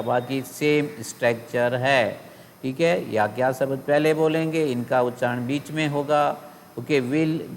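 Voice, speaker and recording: A male teacher leads a grammar lesson, reading example sentences very slowly as if for dictation before explaining briskly. His voice rings with a long room reverb, with faint ambient noise underneath. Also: mid-range voice. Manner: slow, deliberate dictation of example sentences, then quick Hindi explanation. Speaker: school English teacher. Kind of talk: classroom grammar lesson, mixing Hindi and English. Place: classroom.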